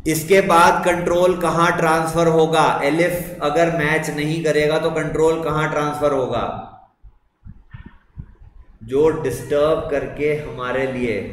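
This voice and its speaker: A young man with an Indian English accent teaches a live online computer class in an unhurried, high-leaning voice with little pitch movement. He repeats questions and praises students' answers, in an echoey room with faint noise.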